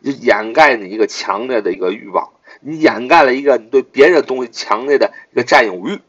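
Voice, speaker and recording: A male teacher explains vocabulary in a lively, swinging voice that rises on his questions. He repeats each word three times and spells it out letter by letter. The recording sounds dull and lo-fi. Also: mid-range voice, fast talker, slightly rough. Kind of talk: vocabulary lesson.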